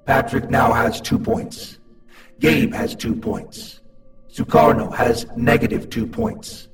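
Here is an eerie child monster hosting deadly games in a horror audio story, as a male narrator puts it on. It speaks in slow, flat, commanding announcements, sounding set back from the mic over a clear music bed. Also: mid-range voice, distant mic. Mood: cold, commanding.

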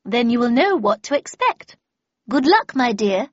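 A woman reader voicing an imperious, sharp-tongued older woman who speaks in clipped, scornful, commanding tones, on a dull lo-fi recording. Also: fairly high pitch, sing-song, a little slow, no echo, voice pushed up. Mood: kindly.

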